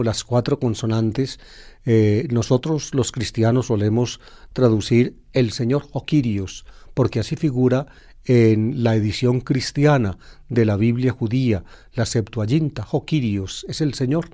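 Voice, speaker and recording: A man's voice: medium pitch, warm tone. A man teaching on the radio about a Bible passage, explaining unhurriedly and repeating key phrases, with frequent fillers.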